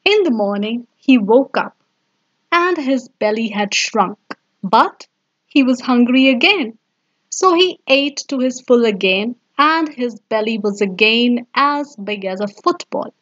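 A woman with an Indian English accent who teaches English, reading a children's story and guiding a vocabulary activity in a clear, deliberate manner. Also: on the high side, expressive, fairly bright tone, no echo. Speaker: English teacher and channel host. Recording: dull lo-fi voice-over.

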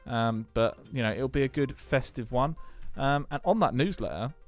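Casting: male podcast co-host, chatty and joking, average pitch, faint music underneath. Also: moderate pace. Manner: chatty, self-deprecating, jokey asides. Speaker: podcast co-host, school tech staff. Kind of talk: casual podcast chat.

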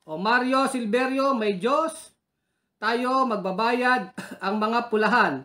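A woman's voice: fairly high pitch, slow, a bit bright. A woman giving combative political commentary, taunting critics and challenging them directly. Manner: taunting, heckles critics and reads their names.

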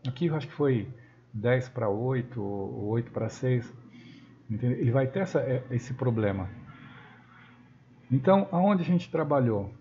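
A Brazilian man with a Brazilian Portuguese accent talks through a software tutorial while he works on screen. He thinks aloud, stops to correct himself, and keeps checking in with his students. The sound is dull and lo-fi, picked up by a desktop mic, with his voice sitting at a middle pitch for a man. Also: animated, a little slow, pauses often, slight background noise. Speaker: software instructor.

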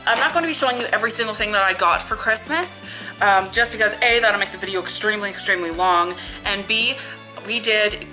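With music in the background, a young woman speaks in a mid-range, brisk voice to a camera close in front of her. She is a Canadian beauty and family vlogger with a cold, chatting casually, sniffly and upbeat, and saying "like" and "um" often. She is indoors in her living room in front of a lit Christmas tree.

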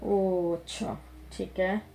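A woman's voice: medium pitch, fairly even intonation, slow pace, gravelly, dark tone. A woman in a casual argument with her husband, blunt and insistent, demanding that he speak straight. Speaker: wife in a prank video.

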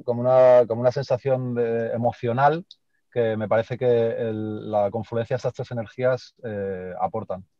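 A man on a video call reflects aloud, his speech full of pauses while he reaches for words. His voice is dark and dry, with slightly muffled audio. He sounds like he is thinking as he talks. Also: mid-range voice, dry recording. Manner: thoughtful, searching for words, many hesitations. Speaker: photographer discussing his photobook.

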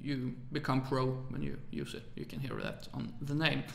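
In a roomy-sounding screen recording, a music production tutor explains software late at night while feeling tired. His gravelly, mid-range voice has a sing-song quality at normal speed, and he comes across as hesitant, filling gaps with "uh" and saying sorry for his English.

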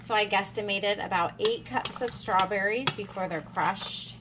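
Home cook, female, mid pitch; casual step-by-step kitchen talk, faint background hiss. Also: normal speed. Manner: chatty and practical, thinking aloud with fillers. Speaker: home cook and homesteading vlogger. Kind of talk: casual how-to narration while cooking. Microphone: camera mounted above the stove and counter.

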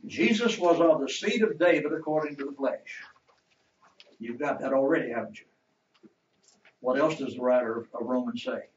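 A man's voice: mid-range voice, normal speed, long pauses, a little hiss or hum. A man teaching a Bible class, quoting scripture and asking the class questions. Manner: asks the class questions and waits for answers. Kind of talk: interactive Bible lesson. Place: church classroom. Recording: roomy, distant, dull church recording.

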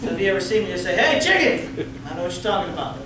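A man's voice: high-pitched, sing-song, racing, a crowd in the background. Texan man lecturing in an echoey hall. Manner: coaching, asks the room questions, folksy jokes. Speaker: umpire clinic presenter. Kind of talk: training lecture to umpires. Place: large meeting room with projector screen. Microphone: far room camera, no mic seen. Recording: very echoey room from far off.

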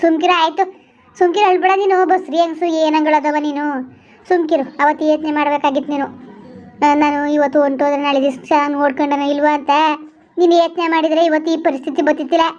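A woman acting as a village landlady, half scolding and half comforting, hushes a tenant over and over. Her voice is high, and the recording is muffled and lo-fi. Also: flat delivery, fast, natural voice. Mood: chiding. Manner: chiding, repeats hushing words. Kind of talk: amateur village drama skit.

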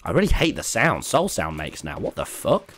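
A man livestreaming a game, chatting to his viewers in an animated, sweary, exclaiming way with music behind him. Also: low voice, normal speed. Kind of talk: excitable game stream chatter, talking to chat. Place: indoors at a computer.

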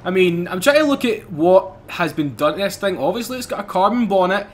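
A British man hosting a casual racing-game let's-play, excitable and quick to swear or laugh. His voice sits high for a man and swings widely in pitch. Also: a little hiss or hum. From United Kingdom. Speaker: gaming channel host.

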